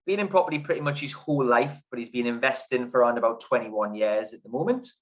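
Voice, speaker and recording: A man's voice: mid-range voice, quick pace, poor audio. A man hosting a property podcast, chatting casually and laughing easily with his guest. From Newcastle area lived. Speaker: podcast host. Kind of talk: casual interview.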